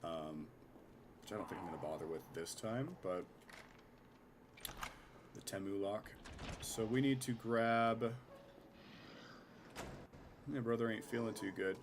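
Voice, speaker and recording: A man's voice: fairly low pitch, unhurried, long pauses. A man streaming a game with casual live commentary, chatty and self-mocking with some swearing, his voice nasal and his throat scratchy from a cold.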